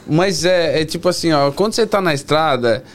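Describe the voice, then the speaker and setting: A man guest on a podcast, explaining his travels in a relaxed, rambling way. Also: a little high, fairly quick, noisy background. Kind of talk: casual podcast chat. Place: podcast studio.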